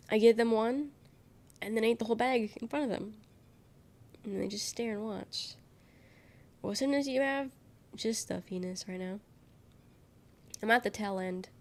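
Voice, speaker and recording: Her medium-pitched voice has vocal fry, and being sick makes it nasal, congested and worn. She's a young livestreamer chatting casually with viewers and rambling as she reads their chat aloud.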